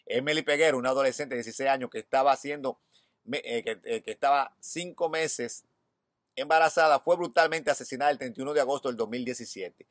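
A man's voice: mid-range voice, fast, no room sound. Dominican man reading news, dry sound. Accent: Dominican Spanish. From Dominican Republic. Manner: reads headlines, then adds personal opinion. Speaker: news show host. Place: outdoors in front of a hedge.

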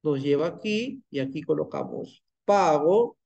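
A man's voice: on the high side, expressive, a little slow, gravelly, a little mellow. A man teaching a live online class, patient and often checking in with his students. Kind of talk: live online class, screen-share demo. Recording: muffled lo-fi online class audio.

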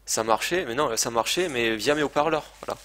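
A man's voice: mid-range voice, a little fast, a bit bright. A man streaming a video game live, talking casually and hesitantly, swearing and poking fun at himself. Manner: chatty, hesitant, swears, self-mocking. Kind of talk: casual live gameplay commentary. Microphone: desk microphone, speakers playing game sound.

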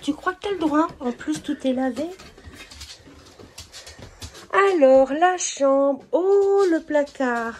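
This middle-aged woman's voice is high, expressive and somewhat dark, moving slowly with long pauses. She chats casually to camera while touring her house room by room, now and then addressing her pet.

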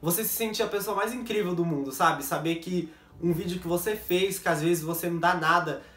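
A man's voice: high-pitched, brisk, fairly bright tone, roomy sound. A young man from São chatting casually to camera in a jokey, self-mocking vlog, recorded at home on a basic camera mic. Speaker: YouTuber. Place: bedroom set at home.

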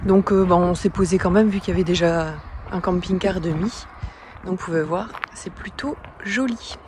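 A woman in her forties chatting casually as a travel vlogger, with many filler pauses, talking to a camera held at arm's length. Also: lowish voice. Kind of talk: casual vlog narration. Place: camper van and outdoor campsite. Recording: noisy road and vehicle background.

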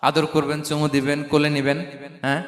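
Male preacher, impassioned and questioning, slightly high voice, roomy reverberant recording. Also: monotone, fairly quick. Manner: impassioned, with rhetorical questions to the crowd. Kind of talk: Bengali waz sermon. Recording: echoey hall with long reverb.

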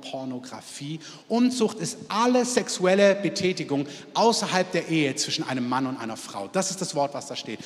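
A man preaching a sermon as pastor, with emphatic lines and a repeated "Amen". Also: a little high. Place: church hall. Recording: long hall reverb.

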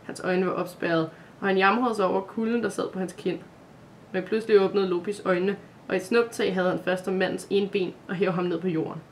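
A reader narrating a dramatic fantasy Christmas calendar story for children, in a steady, scripted storytelling voice. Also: mid-range voice, a little hiss or hum.

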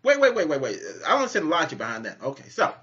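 Rapid-fire and fairly high-pitched, a man in his thirties co-hosts a relaxed live chat from a home kitchen, animatedly teasing and laughing as he argues, all on muffled lo-fi webcam audio.

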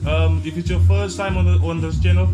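Loud music plays behind a young South African man with a slightly high-pitched voice and an Afrikaans tinge to his accent. He talks casually to camera like a tutorial vlogger, blunt and slangy. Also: level tone, brisk. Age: 20s. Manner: blunt, slangy, mildly sweary.

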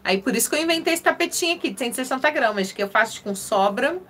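A woman's voice: high-pitched, lively intonation, fast, fairly bright tone. Chatty Carioca woman hosting a crochet live. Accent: Carioca (Rio de Janeiro) Portuguese. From Rio de Janeiro, Brazil. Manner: chatty and friendly, greets viewers by name, laughs often. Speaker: crochet live-stream host. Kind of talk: casual live-stream chat reading viewer comments.

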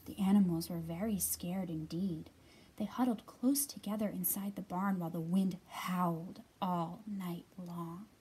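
In a storytime for young children, a thirtysomething librarian reads a picture book aloud and talks to her listeners expressively. Her mellow voice is on the low side, unhurried, with fairly even intonation, and a faint hiss or hum is audible.

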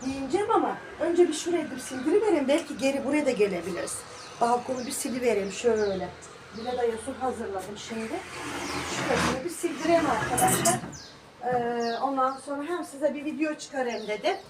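A woman's voice: high voice, expressive, a little fast. A woman vlogger chatting casually in a running commentary on household chores at home. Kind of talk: casual household vlog chat. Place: home balcony. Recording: echoey, noisy, distant microphone.

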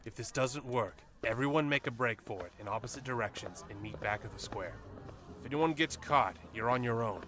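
A man's voice: mid-range voice, fairly quick, fairly bright tone, close to an everyday voice. A man doing a wry, confident gang leader. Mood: commanding. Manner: dry, teasing. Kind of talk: audiobook character voice.

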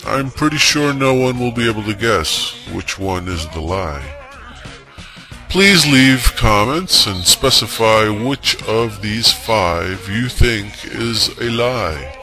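A man in his forties talking to viewers in a slow, wry monologue, his voice altered into a disguised deep voice. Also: animated, bright, forceful tone, faint music behind. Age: 40s. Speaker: vlogger.

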